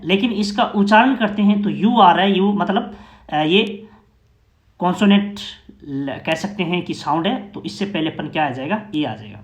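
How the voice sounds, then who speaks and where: A man with a high-sitting voice explains English grammar to learners in Hindi, in a reverberant space. He's patient and repetitive, often asking rhetorical questions and checking that listeners are following.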